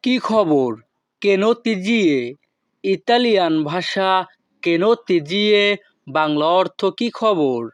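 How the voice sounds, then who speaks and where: Slow, high-voiced man teaching phrases. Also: expressive, dry recording. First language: Bengali. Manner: repeats each phrase slowly, syllable by syllable. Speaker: language teacher. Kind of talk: slow phrase-by-phrase language lesson.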